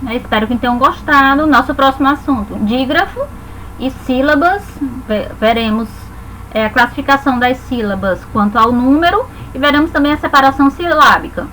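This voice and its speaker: A woman's voice: high voice, fairly quick, a bit bright, a little hiss or hum, rough recording. A Brazilian woman teaching a grammar lesson, explaining patiently and spelling words out syllable by syllable.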